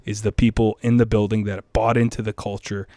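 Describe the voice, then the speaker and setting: Fired-up school administrator, low voice. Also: male voice, fairly quick, no room sound. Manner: energetic, passionate, repeats himself. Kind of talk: interview answers.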